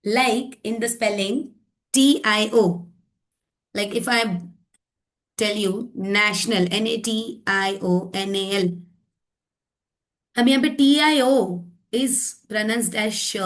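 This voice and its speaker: Slow, deliberate woman teacher. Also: mid-range voice, fairly bright tone. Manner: explanatory, often checks with "right?" and "okay?"; mixes Hindi and English. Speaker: teacher trainer. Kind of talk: online phonics lesson.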